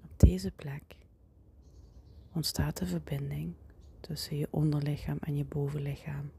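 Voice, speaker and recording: A woman leads a guided body-scan relaxation in a soft whisper close to the ear, giving slow, soothing instructions. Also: sits low, fairly even intonation, gravelly, breathy edge. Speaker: guided meditation leader.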